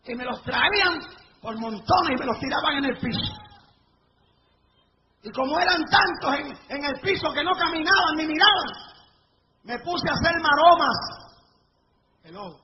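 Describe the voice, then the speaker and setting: A middle-aged male evangelist preaching a revival sermon to a live congregation, telling testimonies with fervor and breaking into shouts at the climaxes. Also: extremely high pitch, lively intonation, measured pace, pauses often. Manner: fervent storytelling, rising to shouts at climaxes. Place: church or revival meeting before a live congregation. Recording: dull lo-fi recording with faint noise.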